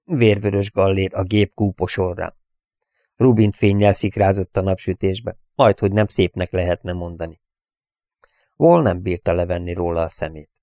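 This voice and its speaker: A man reading an audiobook in a steady, measured storytelling manner. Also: deep voice, no echo, clean studio sound. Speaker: audiobook reader. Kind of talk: audiobook narration.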